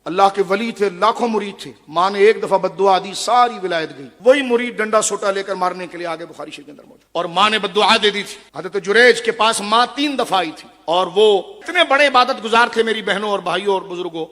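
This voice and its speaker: A male preacher giving a sermon, telling a story with feeling and swinging between loud and hushed delivery, recorded in a large hall. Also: sits high, few pauses. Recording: long hall reverb.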